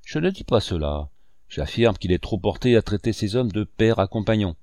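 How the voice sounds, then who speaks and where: A man's voice: on the low side, animated, moderate pace, darkish tone, dry recording, studio quality. A man reading an audiobook, voicing a blunt male ship captain who speaks formally and firmly. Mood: stern. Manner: formal, firm, clipped.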